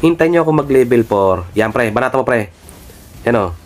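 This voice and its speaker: Excitable trash-talking gamer man. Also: medium pitch, a little fast. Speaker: gaming streamer. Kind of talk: live gameplay commentary.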